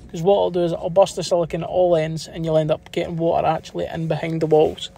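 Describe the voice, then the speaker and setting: A Scottish man with a noticeably high voice for a male speaker narrates as a working plumber. He talks informally and colloquially, with a self-deprecating streak, as if explaining a job to viewers. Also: a little mellow. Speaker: plumber and video host.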